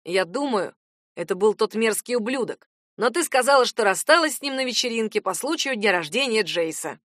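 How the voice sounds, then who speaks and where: A woman voicing a nosy, hotheaded young male cousin who keeps pressing with loud, insistent questions. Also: a little high, expressive, a little fast, dry recording, clean studio sound. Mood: pushy, prying.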